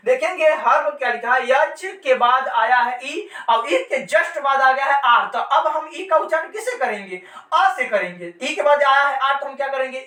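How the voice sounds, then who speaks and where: Patiently teaching English pronunciation, this woman goes over points again and again, asking herself questions and then answering them, classroom-lesson style. Her voice is high with a sharp edge. The audio comes from far away in an echoey room.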